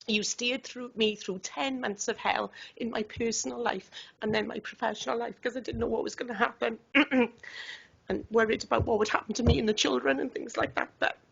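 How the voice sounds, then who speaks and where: Welsh councillor, woman, emotional and halting, husky with fry, lo-fi chamber mic. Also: on the high side, steady tone. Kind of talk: tribute speech at a council meeting.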